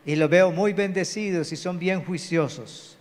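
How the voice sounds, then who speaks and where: A man's voice: sits high, a little slow, a little mellow. A man preaching a live church sermon as pastor, calling on the congregation to say amen. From Colombia. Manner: preachy, calls out to the congregation for amens. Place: large church hall. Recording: reverberant church hall.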